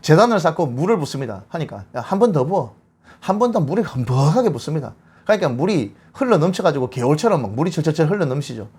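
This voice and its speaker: A man giving a bible lecture, retelling scripture as a lively story and acting out the quotes. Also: on the high side, fast talker, breathy edge.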